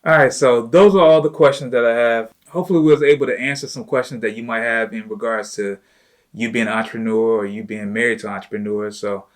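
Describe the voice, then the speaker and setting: A man's voice: medium pitch, steady tone, fast talker. A man hosting a casual chat with his wife, talking loosely and informally with plenty of "you know" and "like" fillers. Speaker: host, entrepreneur.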